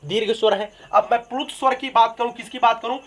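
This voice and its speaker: A man teaching a grammar lesson, asking questions and answering them himself, repeating each point slowly for students. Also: extremely high pitch, fairly even intonation, a bit bright.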